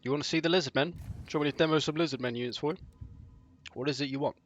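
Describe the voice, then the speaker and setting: A man with a slightly high voice streams a game and chats casually, firing off rapid, sardonic replies to viewers and clearing his throat often.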